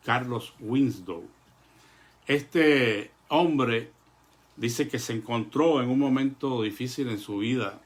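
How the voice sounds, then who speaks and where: A man preaching a sermon to his congregation in an earnest, measured way, pausing often and filling gaps with "eh". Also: lowish voice, a bit bright. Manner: earnest, measured delivery with pauses and "eh" fillers; addresses the congregation as brothers.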